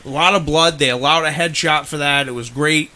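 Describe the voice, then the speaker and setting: A man co-hosting a wrestling podcast in casual chat, excitable and swearing freely. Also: on the high side, a little fast. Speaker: podcast co-host.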